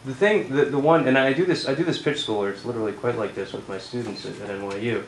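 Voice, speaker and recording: Halting man speaking on a conference panel. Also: mid-range voice, fairly even intonation, a little hiss or hum. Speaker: panelist and writing teacher. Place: conference room with audience. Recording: echoey conference room.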